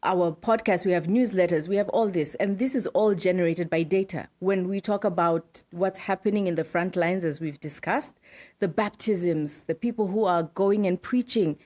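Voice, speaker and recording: Middle-aged woman from zimbabwe, lowish voice, chatty podcast guest listing things off. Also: moderate pace, darkish tone. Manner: explains in lists, frequent affirming "right, yes". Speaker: podcast guest, data protection officer. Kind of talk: casual interview talk.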